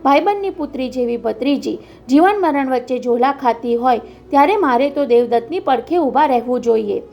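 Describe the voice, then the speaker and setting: High-voiced woman reading an audiobook. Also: brisk. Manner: dramatic, steady reading. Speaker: narrator. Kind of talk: audiobook narration.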